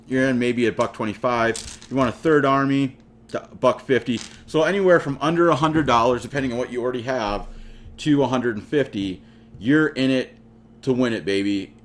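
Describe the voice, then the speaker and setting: Male channel host, playful hobby vlogger, joking and chummy, ordinary mid voice. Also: medium pitch. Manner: playful, jokey, talks straight to viewers. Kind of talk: casual hobby vlog talk.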